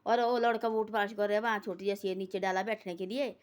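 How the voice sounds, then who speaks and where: A woman's voice: medium pitch, flat delivery, fast. A woman telling a moral story in a casual, earnest way. She repeats herself often and keeps tagging quotes with "he said.".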